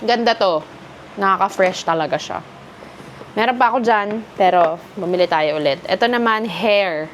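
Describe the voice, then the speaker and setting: A woman from the Philippines talks through her shopping haul in a relaxed, chatty way, moving easily between Filipino and English. Her voice sits at a middle pitch, with a faint hum of noise behind it. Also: moderate pace. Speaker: vlogger. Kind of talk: casual haul vlog.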